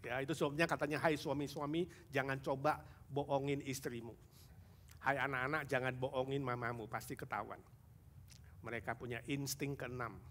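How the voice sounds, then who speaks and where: A male pastor preaching a sermon in an animated style, moving between quiet asides and raised, emphatic exhortation. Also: mid-range voice, moderate pace. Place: church service recorded for online broadcast.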